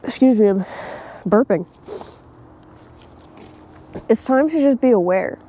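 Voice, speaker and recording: A young woman speaks straight into her phone while out in nature, her voice a touch high yet mellow and soft-edged. She talks bluntly, swears without a second thought and laughs now and then. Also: lively intonation, takes it slowly. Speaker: vlogger. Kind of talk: casual opinion vlog. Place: outdoors in nature.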